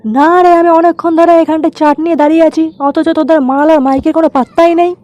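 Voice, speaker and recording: A man with a West Bengal accent voicing a hot-tempered, foul-mouthed picnic ringleader in a comic cartoon, scolding and blustering through a pitched-up effect. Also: fairly even intonation, very fast, darkish tone, lo-fi sound, slight background noise. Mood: impatient.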